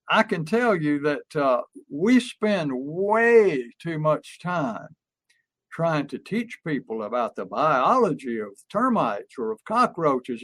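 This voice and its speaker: A man's voice: high voice, a bit bright. An older man co-hosting a podcast, telling stories in a casual, emphatic way with frequent restarts. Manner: anecdotal storyteller with frequent restarts and fillers; emphatic, repeats key phrases. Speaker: podcast co-host and marketing coach.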